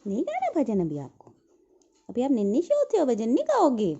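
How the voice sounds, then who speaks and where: A woman's voice: a little high, wildly swooping pitch, brisk, mellow, husky, muffled recording. A woman coaxing her pet parrot in doting baby talk. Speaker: pet owner.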